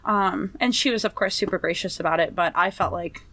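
A woman's voice: medium pitch, a little fast, bright, forceful tone, slight background noise. A woman telling stories in casual chat, laughing often and acting out quotes.

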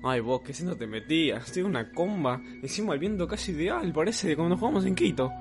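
Lively high-voiced Argentine man. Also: quick pace, over music. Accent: Argentine Spanish. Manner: excitable, exclamatory, slangy. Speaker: podcast host. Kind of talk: improvised comedy podcast sketch.

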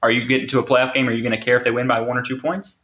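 A man's voice: medium pitch, little pitch movement, rapid-fire, fairly bright tone. A man hosting a sports podcast, talking casually and driving points home with rhetorical questions. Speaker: podcast host.

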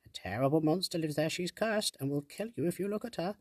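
A man voicing a tiny, fearful female fairy sprite who begs and pleads in a high voice. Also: a little fast, a little mellow, dry recording, studio quality, lightly acted. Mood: pleading.

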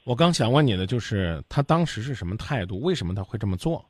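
A man's voice: on the low side, sing-song, quick pace, darkish tone, no room sound. A man hosting a radio call-in show, asking direct questions and steering the caller. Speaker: radio advice host.

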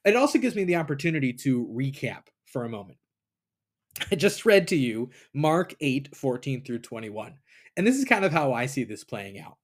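A man with a mid-range, sing-song voice hosts a podcast at a normal speed, thinking aloud in a casual, reflective monologue and retelling scripture in everyday words. He records on a computer mic through a browser app.

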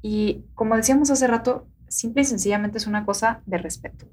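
A woman's voice: a little high, fairly quick, a little mellow, slightly rough. A woman with a Mexican accent, talking earnestly as a guest on a casual podcast. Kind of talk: casual chat.

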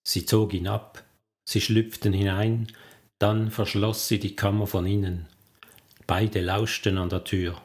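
A man reads a scripted story at a slow, unhurried tempo. His slightly low voice is calm and measured, much like an audiobook narrator's.

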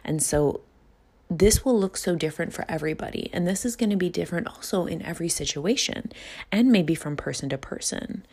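A woman's voice: lowish voice, lively intonation, a little fast, darkish tone, breathy edge. A woman hosting a solo self-help podcast, speaking earnestly and reflectively, often rephrasing and repeating herself for emphasis. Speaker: podcast host and coach.

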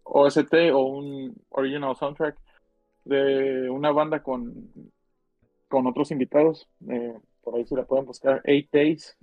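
A man's voice: medium pitch, flat delivery, measured pace, no room sound, narrow, tinny audio, faint music behind. A man with a northern Mexican accent chatting casually in slang as a podcast co-host, rambling and repeating his phrases. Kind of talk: casual slangy chat about films and music.

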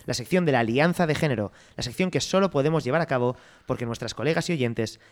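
A man's voice: medium pitch, fast. A man hosting a comedy podcast, teasing and sarcastic in his banter. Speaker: podcast host.

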